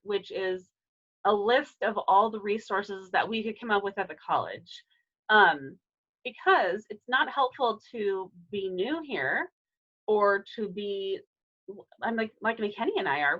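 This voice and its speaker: Woman trainer, casual staff presentation, muffled video call sound, mid-pitched, loose and chatty. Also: fairly bright tone. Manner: casual, many fillers and restarts.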